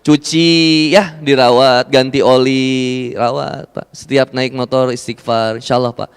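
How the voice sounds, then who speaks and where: Lively Sundanese-accented male preacher, smooth high voice, hall reverb. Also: unhurried. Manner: animated, jokey, shifts into Sundanese asides, swings between loud and soft. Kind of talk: lively sermon to motorbike drivers.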